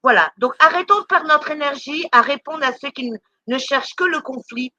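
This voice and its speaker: A woman's voice: high-pitched, brisk, sharp tone, dry recording, highs cut off. A woman doing charity work, ranting on a live stream, indignant and scolding, stammering and repeating words as she talks. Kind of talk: impassioned live-stream rant.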